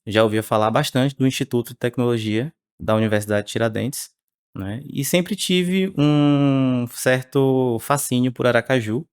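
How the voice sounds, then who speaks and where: A man, speaking as the researcher guest on a podcast interview in a measured way with frequent tag questions. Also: mid-range voice, darkish tone, clean tone, dry recording, studio quality. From Salvador, Bahia, Brazil.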